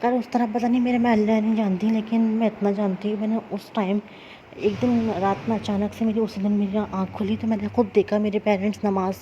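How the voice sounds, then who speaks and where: A woman's voice: medium pitch, level tone, mellow, a little hiss or hum. A woman vlogger candidly and bluntly retelling a personal story in casual chat, with lots of fillers. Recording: slightly dull lo-fi sound.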